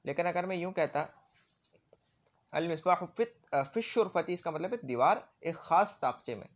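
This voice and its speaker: A man's voice: on the high side, animated. A man teaching Arabic grammar in a classroom-style lecture, explaining with everyday examples and often checking that listeners follow. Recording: dull lo-fi recording.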